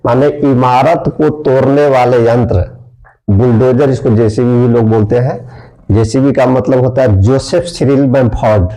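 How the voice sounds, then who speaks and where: A man's voice: mid-range voice, mellow, poor audio. A man teaching English spelling, spelling words out letter by letter, repeating them and quizzing his listeners. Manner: slow, repeats words and asks the class.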